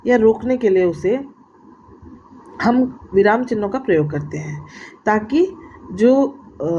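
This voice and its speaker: A woman with a somewhat high voice teaches grammar in a slow, careful way, pausing often and restarting her phrases. The sound is dull and lo-fi, with a faint hiss of noise behind her. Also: dark tone. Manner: slow and deliberate, pausing mid-sentence, restarts with fillers. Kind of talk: explaining a lesson.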